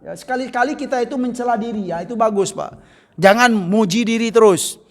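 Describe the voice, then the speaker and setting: A man's voice: extremely high pitch, a little fast, long reverb tail. A man teaching a mosque study session, reading Arabic phrases and explaining them conversationally, often addressing the men as "Pak". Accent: Indonesian. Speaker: religious teacher.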